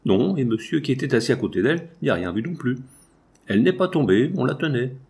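A man's voice: medium pitch, lively intonation, fast, a little mellow, natural voice. A man voicing a stolid, grumbling omnibus conductor who speaks bluntly and colloquially. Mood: gruff.

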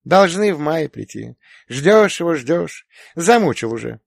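A man's voice: a little high, measured pace, creaky, no echo, studio quality, voice pushed up, exaggerated voice. Man voicing a chatty confiding young sister. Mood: confiding complaint. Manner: confiding, animated storytelling.

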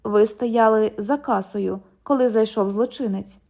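A woman's voice: mid-range voice, a little slow, vocal fry, a little mellow. A woman reading an audiobook, voicing a formal, patient young male police officer.

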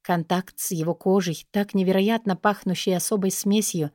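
A woman's voice: mid-range voice, steady tone, normal speed, darkish tone, no echo, studio quality. A woman reading scripted first-person romance fiction as an audiobook narrator, in an intimate, sensual way.

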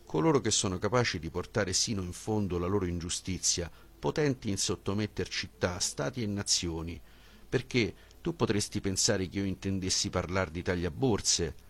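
A man's voice: low voice, moderate pace. A man reading a blunt, defiant ancient sophist. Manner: blunt and dismissive.

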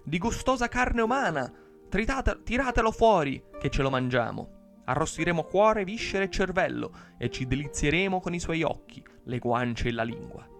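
A man voicing a horde of ravenous demons, shouting greedily and menacingly. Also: a little high, moderate pace, soft background music, natural voice. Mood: greedy gloating.

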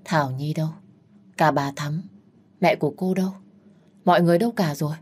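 A woman narrating a sad family story in a slow, sorrowful way. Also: sits low, a little mellow, slightly rough.

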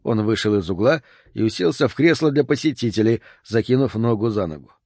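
A man narrating an audiobook in a measured, expressive way. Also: lowish voice, no echo, clean studio sound.

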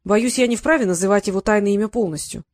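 A woman's voice: medium pitch, fast talker, darkish tone, no room sound, close to an everyday voice. Woman reader doing a polite, earnest boy wizard, dry close sound. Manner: courteous and earnest. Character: polite, earnest young male apprentice wizard.

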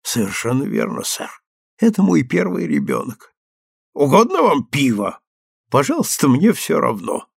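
A timid young clerk, gentle and soft-spoken, quick to soothe, as a male reader gives him voice in a storybook. His gravelly tone swings up and down, heard close and dry. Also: on the high side, sing-song, no room sound, heavily acted. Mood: polite.

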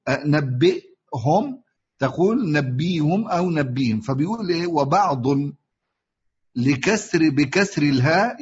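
Husky Egyptian man teaching slowly. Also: on the high side. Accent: Egyptian Arabic. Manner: repeats words slowly, hesitant fillers, urges attention. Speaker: Quran recitation teacher. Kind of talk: explanatory lesson. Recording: muffled lo-fi recording.

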